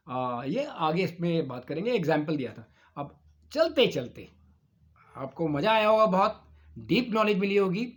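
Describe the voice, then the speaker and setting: An Indian man teaching spoken English in a video lesson, spelling words out letter by letter and pausing often. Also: fairly high pitch. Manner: spells out words letter by letter, drawn-out teaching delivery with many fillers.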